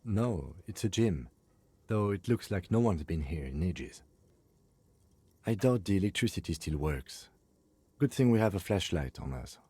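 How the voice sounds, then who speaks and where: A deadpan husky detective. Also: male voice, low-pitched, dry recording, exaggerated voice. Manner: measured, deadpan. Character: calm, dry male detective partner. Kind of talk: video game voice acting.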